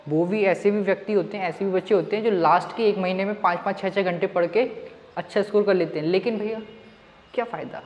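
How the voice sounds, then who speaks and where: Fast and high-voiced, this maths teacher keeps his online lesson chatty, speaking straight to the students and sprinkling in English words. The sound is lo-fi, with a long reverb.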